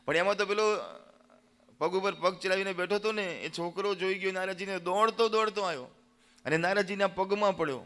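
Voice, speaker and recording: Bright-voiced man telling a devotional story. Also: high-pitched, fairly quick, big-room sound. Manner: animated storytelling, lively acted quotes. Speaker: religious storyteller.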